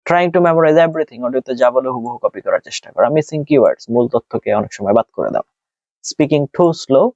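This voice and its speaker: A Bangladeshi man giving a screen-share lesson on test speaking tips, talking quickly in Bengali and slowly and deliberately in English. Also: mid-range voice, very animated, darkish tone, no room sound, dull audio. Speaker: test prep teacher.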